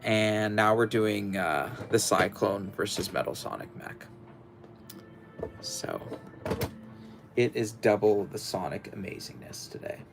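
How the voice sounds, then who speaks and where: With music in the background, a young host chats on his livestream while building, talking slowly and leaving long pauses. His voice is deep and gravelly, and his rambling speech is hesitant, with lots of fillers and restarts.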